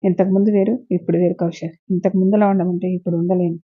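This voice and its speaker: A woman voicing a hurt, withdrawn young wife who answers quietly and tiredly, in a dull lo-fi recording. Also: fairly low pitch, little pitch movement, fast, slightly rough, no echo. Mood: weary.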